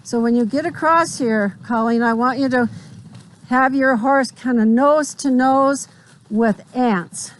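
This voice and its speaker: A woman's voice: high-pitched, measured pace, slight background noise, poor audio. A woman riding instructor outdoors, explaining drill directions firmly and checking that her riders understand. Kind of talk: spontaneous hands-on instruction.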